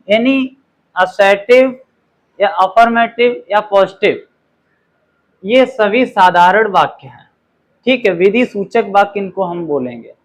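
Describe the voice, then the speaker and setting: A man teaching a grammar lesson, explaining slowly, reading example sentences very clearly and checking in with an "okay" after each point. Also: sits high, rough recording.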